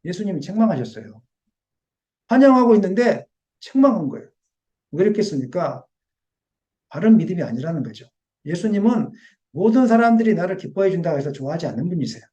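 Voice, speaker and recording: A man preaching a Sunday sermon as pastor, animated and rising, then dropping to quiet confession, and sometimes acting out the voices he quotes. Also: sits high, fairly quick, pauses often, lo-fi sound. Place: church sanctuary.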